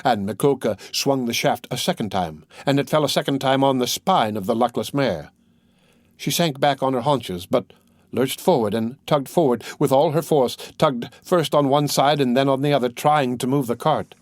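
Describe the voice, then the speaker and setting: A man narrating a classic novel as an audiobook, reading in an expressive, dramatic way. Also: mid-range voice, normal speed, no echo, clean studio sound.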